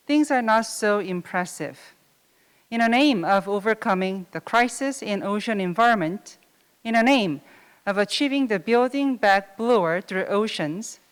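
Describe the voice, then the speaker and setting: A woman with a smooth, resonant voice hosts a formal session and reads scripted introductions. Her voice carries a long hall reverb, and she makes occasional small restarts. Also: mid-range voice. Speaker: session moderator. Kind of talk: formal event hosting.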